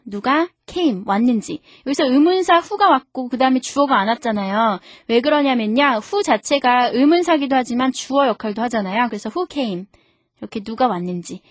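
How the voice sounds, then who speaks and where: A woman with a fairly high voice teaches English grammar on a radio program. She talks in a friendly, explaining way and slows down carefully when she reads sentences aloud. The sound is a close, dry studio recording. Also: no room sound. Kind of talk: scripted radio English lesson. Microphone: studio microphone.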